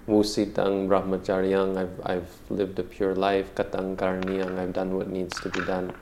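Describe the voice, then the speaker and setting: A man teaching meditation, answering questions in a calm, measured way, often saying "you know". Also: sits low, background noise. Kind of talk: answering questions in a dharma talk.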